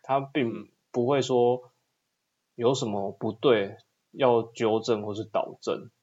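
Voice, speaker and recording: A man's voice: medium pitch, steady tone, takes it slowly, darkish tone, muffled recording. A man with a Taiwanese accent chatting casually as a podcast co-host. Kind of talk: casual chat.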